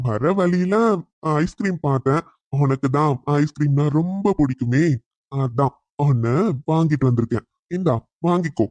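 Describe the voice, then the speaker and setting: A sly cartoon uncle, voiced by a man, who coaxes and presses in a slightly high voice. His dry, close sound hides a scheming temper. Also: moderate pace, a little mellow, no echo, lightly acted. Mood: coaxing. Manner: coaxing, insistent, turns menacing when alone. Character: scheming middle-aged uncle, sly and pushy. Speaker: maternal uncle character.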